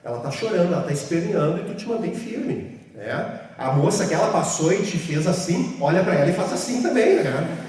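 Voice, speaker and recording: A man's voice: on the high side, animated, a little fast, darkish tone, distant mic. Southern Brazilian man lecturing teachers in an echoey hall. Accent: southern Brazilian (Rio Grande do Sul). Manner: explanatory, constant tag questions, acts out scenes. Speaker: teacher trainer. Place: large hall with a group of teachers.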